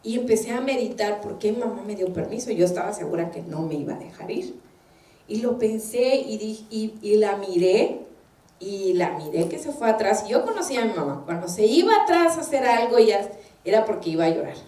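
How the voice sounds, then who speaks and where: A woman's voice: mid-range voice, animated, brisk, mellow. A woman minister giving a sermon, telling personal stories and acting out what people said. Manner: anecdotal, acts out quoted voices. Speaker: minister preaching. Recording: echoey room, distant mic.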